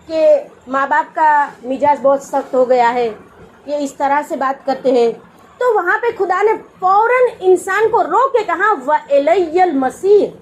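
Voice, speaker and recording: Woman preacher, high voice, earnest sermon, faint hiss behind. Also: rough recording. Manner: earnest, exhorting, tells a moral story. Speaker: religious preacher at a women's gathering.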